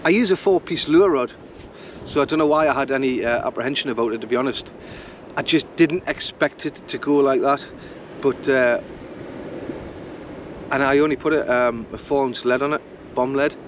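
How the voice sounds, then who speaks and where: A man's voice: mid-range voice, normal speed, highs cut off, a little hiss or hum. A man chatting casually to camera while fishing on a beach, rambling and thinking aloud as he goes. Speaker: fishing vlogger. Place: outdoors on a beach. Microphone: camera mic.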